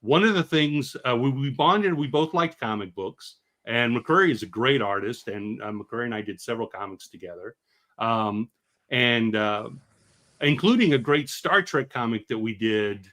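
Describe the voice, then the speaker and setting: An American man in his fifties, a filmmaker hosting a launch chat, talking haltingly with many fillers and restarts. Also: mid-range voice, animated, fairly bright tone. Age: 50s. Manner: hesitant, full of fillers and restarts. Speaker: filmmaker and host. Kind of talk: casual chat.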